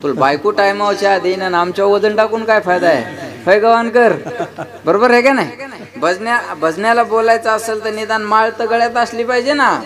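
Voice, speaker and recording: Man with a high voice giving a kirtan sermon, jokey village stories, keeps asking the crowd to speak up. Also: moderate pace, fairly bright tone. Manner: rhetorical, keeps asking the crowd to answer back; folksy storytelling with humor. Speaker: kirtan preacher. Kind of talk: devotional sermon to a live gathering.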